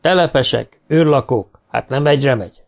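A man voicing a burly, swaggering spaceship sailor in an audiobook, gruff and mocking. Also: medium pitch, voice pushed up, close to an everyday voice. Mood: smug.

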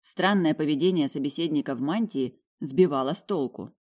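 A woman reading a first-person fantasy novel aloud with wry, lively storytelling. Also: low-pitched, normal speed. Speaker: audiobook narrator.

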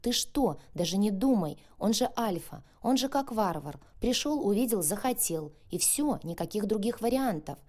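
A woman reading an audiobook, voicing a lively, chatty young woman friend who talks in a bubbly, coaxing way. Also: mid-range voice, moderate pace, few pauses, pitched above the performer's own voice, natural voice. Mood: playful. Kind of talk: audiobook character voice.

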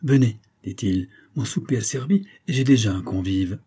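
A man voicing a gruff, hearty German baron who hosts the hunters, his voice rough and raised. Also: lowish voice, lively intonation, moderate pace, dark tone. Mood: hearty firm.

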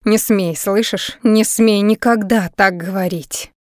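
A young mother torn apart by grief, her voice pleading and then lashing out, as a woman reads her in an audiobook. The read stays at a middle pitch, close and dry. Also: brisk, no echo, natural voice. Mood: furious. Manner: desperate, pleading, then furious.

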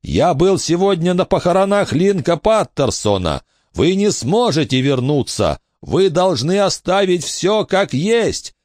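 A man voicing a frightened but determined boy who urgently shouts commands at a restless spirit. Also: fairly high pitch, wildly swooping pitch, slow, no room sound, clean studio sound, voice pushed up, exaggerated voice. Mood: urgent shouting.

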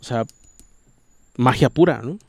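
A man's voice: medium pitch, a little slow, creaky, dry recording. Slangy Mexican man retelling a novel. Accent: Mexican Spanish. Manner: rambling, ends nearly every phrase with a questioning tag; slangy and informal. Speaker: book discussion host.

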